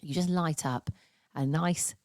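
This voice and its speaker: A British woman in her late thirties with a husky rasp, chatting playfully and casually as a podcast co-host. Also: sits low, steady tone, measured pace, darkish tone, no room sound, studio quality. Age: late 30s. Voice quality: husky rasp, especially in laugh. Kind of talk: casual chat.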